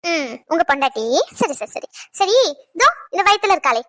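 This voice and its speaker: A woman plays a young expectant wife in a cartoon, jealous of her unborn daughter and teasing her husband. The voice is very high and rapid, with a dry, close sound. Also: big pitch swings, sharp tone, no room sound, heavily acted. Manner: playful, scolding, then tender.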